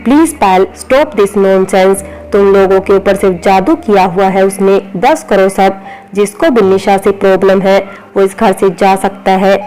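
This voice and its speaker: Lady reading a doting old dad-in-law, warm but stern, storybook style. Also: medium pitch, lightly acted, rough recording. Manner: warm, scolding. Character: affectionate, stern elderly father-in-law.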